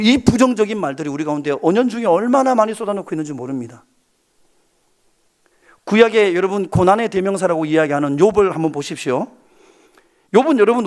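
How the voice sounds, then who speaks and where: Animated high-pitched male pastor preaching. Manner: animated, asks the congregation questions, acts out quotes. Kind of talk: sermon.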